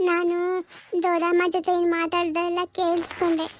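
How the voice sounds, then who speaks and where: A woman's voice: very high voice, monotone, moderate pace, a little hiss or hum. A woman voicing a sick little daughter who keeps questioning and pleading with her mother in a homemade family drama. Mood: earnest.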